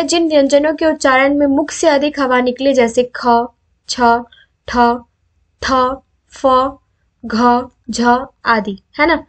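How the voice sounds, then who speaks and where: High-voiced woman teaching Hindi grammar. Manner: asks rhetorical questions and answers them herself; sounds out letters slowly for students to repeat. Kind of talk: exam-prep video lesson.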